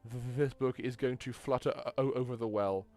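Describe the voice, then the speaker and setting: A man's voice: medium pitch, steady tone, fairly quick, darkish tone, soft background music. A man narrating as game master, often stumbling and restarting his words. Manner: stammering, frequent restarts.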